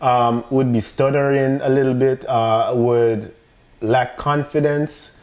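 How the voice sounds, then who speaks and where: Podcast guest: male, Jamaican accent, relaxed warm timbre, conversational and emphatic storyteller. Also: mid-range voice, slow pace. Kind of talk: casual personal storytelling.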